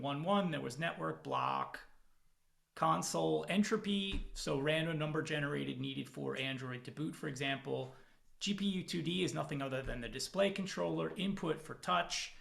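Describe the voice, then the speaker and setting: A man presenting as a product manager at a technical conference speaks with vocal fry in a voice on the high side. He's calling in by video from home in the evening, casual and self-deprecating, with frequent fillers.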